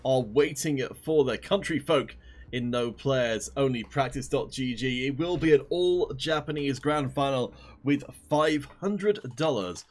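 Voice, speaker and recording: A man's voice: mid-range voice, lively intonation, a little slow. A man casting a live esports stream, chatting upbeat and directly to viewers. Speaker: esports caster.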